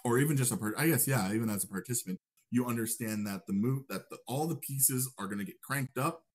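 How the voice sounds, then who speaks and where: A young man gives a casual lecture in a fast, medium-pitched voice, speaking conversationally and often checking in with "right?". He acts out upbeat greetings in a raised voice.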